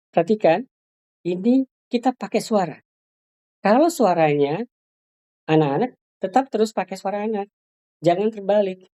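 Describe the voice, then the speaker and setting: A woman's voice: lowish voice, mellow. A woman teaching ventriloquism to Sunday school teachers, explaining and demonstrating with frequent fillers and restarts. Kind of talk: hands-on workshop instruction.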